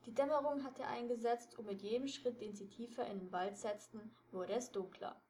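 A woman reading a detective story aloud with steady storytelling narration. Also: a little high, normal speed, a little hiss or hum.

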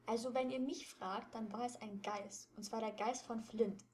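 A woman's voice: fairly high pitch, steady tone, normal speed, a little mellow, slight background noise, natural voice. A woman voicing a nervous, easily annoyed teenage boy detective who complains and frets. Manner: complaining, fretful.

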